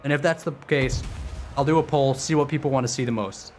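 Young male streamer, twenties, profane and excitable, casual stream commentary. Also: medium pitch, brisk, faint music behind. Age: 20s.

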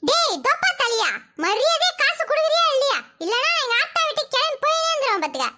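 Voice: very high voice, sing-song, full character voice. A performer voicing a cheeky, defiant young wife in a cartoon who answers back with insults. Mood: sassy. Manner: sassy, insulting, quick retorts. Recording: loud background noise.

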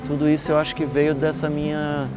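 Reflective musician, music underneath. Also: male voice, fairly high pitch, monotone, a little fast. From Salvador, Brazil. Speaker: singer and composer. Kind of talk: documentary voice-over and on-location talk.

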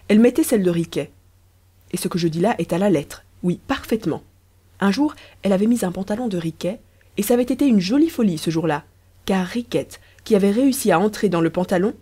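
A woman narrating an audiobook story in a lively, playful storytelling manner. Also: medium pitch, slightly rough.

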